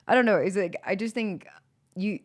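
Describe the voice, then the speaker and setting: A woman's voice: medium pitch, normal speed. A woman hosting a casual podcast, rambling through her thoughts with constant "like" fillers and frequent laughter. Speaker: podcast host.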